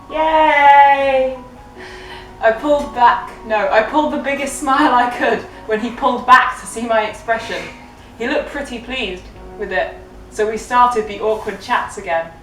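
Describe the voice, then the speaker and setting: Her voice is a touch high and fairly bright as she reads fan fiction, drunk and giggling, in a theatrically hammy style for a comedy web show. It's a jokey, dramatic performance recorded in an echoey room with a distant mic and music underneath.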